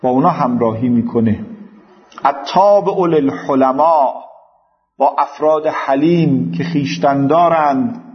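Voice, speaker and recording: A man's voice: medium pitch, lo-fi sound. A man with an Iranian Persian accent giving a religious lecture as a teacher, explaining scripture didactically with recited quotations and paraphrases. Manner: didactic, quoting Arabic then paraphrasing.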